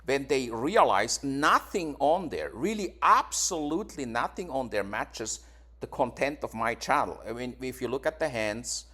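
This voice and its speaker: In a casual interview, this Swiss YouTuber in his forties answers defensively and keeps repeating words and restarting sentences. His mid-range voice is husky and sharp in tone, animated, and moves at a normal speed.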